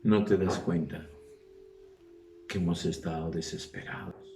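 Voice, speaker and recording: A man voicing a gentle, sorrowful mother softly pleading with her son, in an echoey room. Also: low-pitched, steady tone, measured pace, recorded from a distance, soft background music, pitched below the performer's own voice. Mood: tender. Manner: whispered, pleading.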